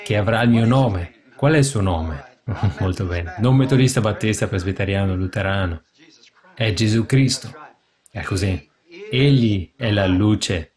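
A man preaching a sermon with fervor, building to excited exclamations. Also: on the low side, a little slow. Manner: fervent, rising to excited exclamations. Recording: live congregation audible behind. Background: congregation.

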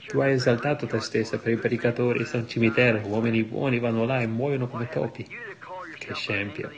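A man's voice: mid-range voice, fairly even intonation, brisk, a crowd in the background. A man preaching a fervent, impassioned sermon to a congregation.

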